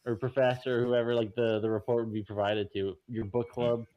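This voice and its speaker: A man's voice: mid-range voice, little pitch movement, a little fast, highs cut off. A man co-hosting a podcast in casual chat, rambling and thinking aloud with many "like"s. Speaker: podcast co-host.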